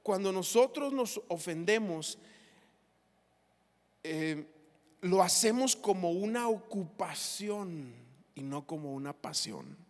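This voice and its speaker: High-voiced pastor preaching. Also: male voice, slow, long pauses. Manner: personal storytelling, animated and emotional. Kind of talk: sermon. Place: church hall. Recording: reverberant church hall.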